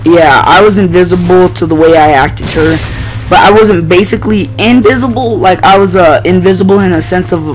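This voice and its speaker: A young man hosting a video tells a rambling, profane story in a casual way while playing a shooter game. His voice is high-pitched and a little fast, and the poor audio is crowded by loud game music, gunfire and vehicle sounds.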